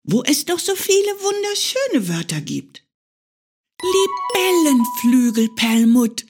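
A woman voicing a small, tousled young hare from a storybook who is curious and playful and talks in a high, wondering, childlike way. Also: huge pitch swings, normal speed, soft background music, full character voice.

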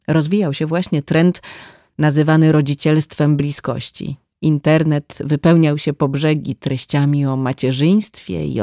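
A woman narrating a novel as a calm, measured audiobook reading. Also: low voice, vocal fry, no echo, clean studio sound.

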